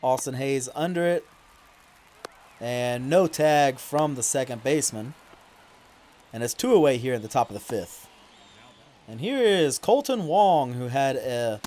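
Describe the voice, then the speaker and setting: A gaming YouTuber with a mid-range voice offers casual play-by-play over his video game. He stays mostly relaxed but occasionally complains loudly about calls.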